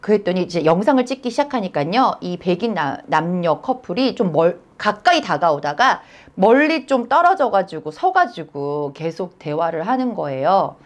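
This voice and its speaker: A woman's voice: lowish voice, moderate pace, hardly any pauses. A woman hosting a news channel, telling a story in a chatty way and acting out what people said with sudden exclamations. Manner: animated, acts out quotes with sudden exclamations. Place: lives in Queens, New York.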